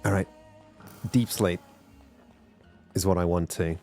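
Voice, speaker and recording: Deep, mellow, and steady, his voice takes things slowly as he streams a game with faint music in the background. He has a South African accent and rambles casually, talking straight to his viewers in chat.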